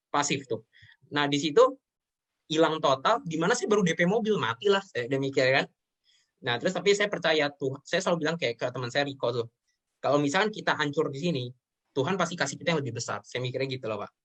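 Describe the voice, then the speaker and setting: A man's voice: fairly high pitch, fairly bright tone. A young man, a show guest, talking earnestly about his life and work, sometimes near tears. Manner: earnest, often addresses listener as sir. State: tearful at times. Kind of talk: emotional personal talk.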